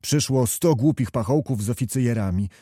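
A man's voice: medium pitch, brisk, warm tone, slightly rough, no room sound, studio quality, close to an everyday voice. A man reading a novel aloud, voicing a hot-tempered, boastful young nobleman soldier who talks in a swaggering, defiant way. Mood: pleading. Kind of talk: audiobook character reading.

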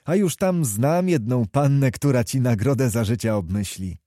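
A man reading the part of a seasoned officer who speaks in a measured, moralizing, steady way. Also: medium pitch, no echo, studio quality, close to an everyday voice. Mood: admonishing. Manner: measured, admonishing. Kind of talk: audiobook character reading.

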